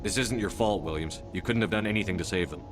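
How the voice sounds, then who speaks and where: Man playing fast-talking, commanding military officer. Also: deep voice, over music, lightly acted. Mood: reassuring. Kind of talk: video game voice acting. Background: game score.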